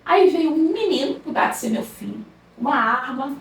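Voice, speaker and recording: A woman with a Brazilian Portuguese accent, a podcast guest, telling a story in an animated, humorous way. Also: high voice, normal speed, vocal fry. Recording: roomy echo, distant mic, faint background noise.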